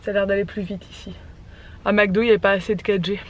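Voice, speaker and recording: A woman's voice: medium pitch, flat delivery, fast talker, a crowd in the background. A woman chatting casually to camera as a vlogger. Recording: noisy outdoor and vehicle background.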